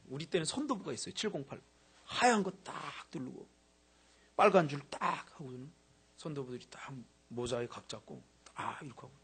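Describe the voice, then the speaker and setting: A middle-aged male pastor preaching an evening sermon, telling stories with animated, rising bursts of praise. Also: on the high side, breathy edge. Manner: animated, storytelling, shouts hallelujah. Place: church sanctuary.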